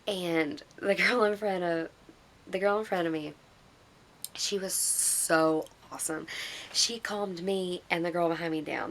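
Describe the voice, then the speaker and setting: Gushing woman with a gravelly voice. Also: fairly low pitch, a little hiss or hum. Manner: excitable, rambling, gushing. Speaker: vlogger. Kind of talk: casual storytelling vlog.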